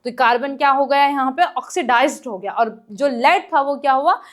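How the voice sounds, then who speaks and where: A woman teaches an exam-prep lesson, talking straight to the students. She works through each step and keeps checking whether they follow. She reads English question text slowly and sometimes coughs or clears her throat. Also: high voice. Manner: explains step by step in Hindi mixed with English, keeps asking the class questions.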